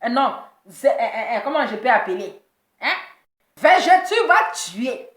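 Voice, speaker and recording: A woman's voice: high voice, big pitch swings, a little slow, fairly bright tone, reverberant. A woman giving mocking gossip commentary, teasing and laughing as she repeats her jabs. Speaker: commentator reacting to celebrity gossip.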